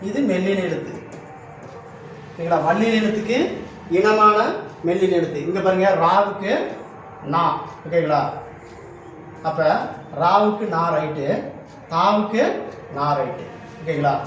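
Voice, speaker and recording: A man's voice: sits high, slight background noise. A man teaching an exam-coaching class, drilling letters one by one and checking in after nearly every phrase, in speech. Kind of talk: classroom exam-answer lesson. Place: classroom hall. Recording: very echoey room, voice far from mic.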